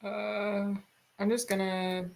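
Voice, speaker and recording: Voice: medium pitch, level tone, slow pace, creaky. A streamer in a casual drawing stream, musing aloud and swearing casually.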